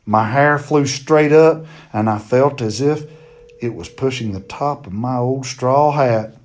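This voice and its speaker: A man reading a children's novel chapter aloud in a steady, plain storytelling manner. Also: medium pitch, measured pace.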